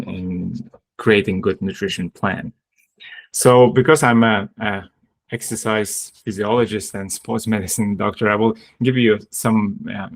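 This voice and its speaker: A man's voice: lowish voice, creaky. A man, a sports medicine doctor giving a webinar talk over a video call, hesitant with many fillers and restarts. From Lithuania. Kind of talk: webinar presentation.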